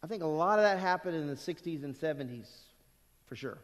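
A man's voice: on the high side, animated, fairly quick, in a large hall. A man pastor preaching a sermon in a conversational way, voicing his listeners' objections and answering them. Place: church sanctuary.

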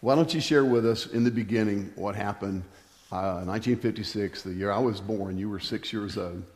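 A man's voice: on the low side, moderate pace, a little mellow. An older man hosting a faith interview, prompting his guest and affirming with short replies. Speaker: interview host. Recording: long hall reverb.

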